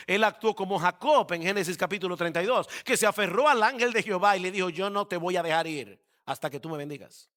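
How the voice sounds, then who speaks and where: A male pastor preaching a sermon, speaking emphatically straight to his congregation and slowing down to stress key words. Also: high-pitched, bright, forceful tone. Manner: emphatic, addresses the congregation directly.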